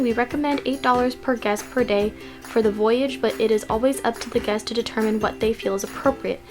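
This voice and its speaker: Hosting a laid-back news vlog from her cluttered bedroom, this young woman from California keeps things low and quiet, tripping slightly over words as she reads articles out loud. Her desk microphone is visible in a corner of the shot, with music running under her speech.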